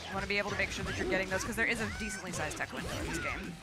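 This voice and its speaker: A chatty fighting game co-commentator with a mid-range, androgynous voice talks casually over loud music. The reactions come with playful slang and mild exclamations. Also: mid-range voice, rapid-fire.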